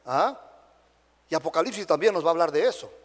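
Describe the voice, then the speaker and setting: High-voiced Dominican preacher in a reverberant church. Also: male voice, quick pace. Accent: Dominican Spanish. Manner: animated preaching, frequent tag questions to the congregation. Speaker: pastor. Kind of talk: sermon. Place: church sanctuary. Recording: long hall reverb.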